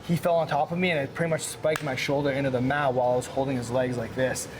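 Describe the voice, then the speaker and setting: A man in his late twenties from Ukraine, a guest in a casual interview, chatting in a relaxed way and often saying "man". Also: medium pitch, quick pace. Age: 20s. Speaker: guest, fighter. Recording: audible background noise.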